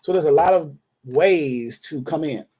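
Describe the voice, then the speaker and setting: A man's voice: a little high, unhurried, mellow, breathy edge. A man hosting a live online question-and-answer session as a dispatcher trainer, talking casually, addressing viewers by name and thinking aloud with frequent restarts.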